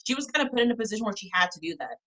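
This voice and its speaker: A woman on a casual discussion panel, chatty and opinionated, making her case with quick asides. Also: fairly high pitch, lively intonation, bright, forceful tone, poor audio. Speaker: panel guest.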